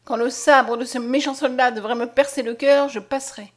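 A woman's voice: high voice, fairly even intonation, fairly quick, pitched above the performer's own voice, lightly acted. A woman voicing a desperate young peasant woman who pleads tearfully in an audiobook. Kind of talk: audiobook character voice.

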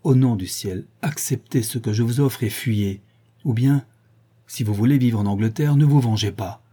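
A man's voice: mid-range voice, normal speed, mellow, breathy edge, close to an everyday voice. A man reading the part of a proud English major, pleading in an impassioned, declamatory way. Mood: anguished.

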